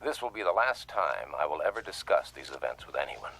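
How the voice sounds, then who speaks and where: An actor playing a grim male reporter who narrates the story in scripted film narration, with a gravelly voice. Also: very deep voice, big pitch swings, brisk, a bit bright, heavily acted, poor audio.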